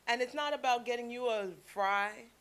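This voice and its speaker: A woman from Canada speaking to a church congregation, telling stories with playful asides in a lively sermon. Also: fairly high pitch, moderate pace. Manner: chatty storytelling with playful asides.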